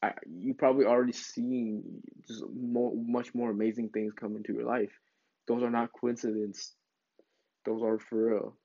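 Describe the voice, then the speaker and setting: A man's voice: mid-range voice, level tone, moderate pace, warm tone, no echo. A man giving a casual, encouraging spiritual pep talk in an informal, rambling way, as a self-help vlog host. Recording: dull lo-fi sound.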